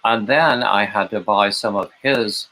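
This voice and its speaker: A man's voice: fairly low pitch, measured pace, poor audio. A man hosting a livestream in a casual, conversational style. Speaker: livestream host. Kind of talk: casual chat. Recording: steady noticeable background noise.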